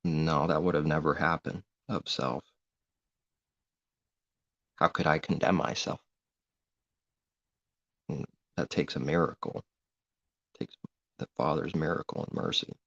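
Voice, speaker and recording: Deep gravelly man preaching informally. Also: unhurried, pauses often, fairly bright tone, dull audio. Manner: earnest, rambling, grows heated. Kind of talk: informal religious monologue.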